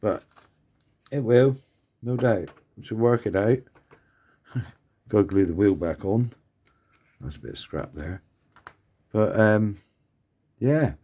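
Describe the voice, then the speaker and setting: A man's voice: lowish voice, slow pace, pauses often, mellow. Mumbling man thinking aloud while building. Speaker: scale model builder. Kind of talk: casual workbench commentary.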